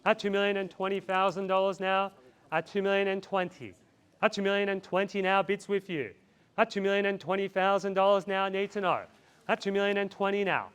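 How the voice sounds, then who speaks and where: A man's voice: sits high, fairly even intonation, fairly quick, a bit bright, clean tone. A man calling a live property auction outdoors, repeating bid figures in a chant and urging buyers on. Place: outdoors in a residential street.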